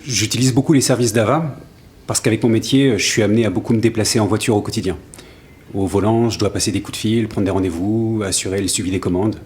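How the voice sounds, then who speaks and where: A man's voice: lowish voice, fairly even intonation, fast talker, darkish tone, lightly acted. An actor playing an earnest, slightly hesitant salesman in his thirties testifying in a courtroom audio drama. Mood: earnest, shaken. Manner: hesitant, earnest witness account. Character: grateful 35-year-old travelling salesman testifying in court.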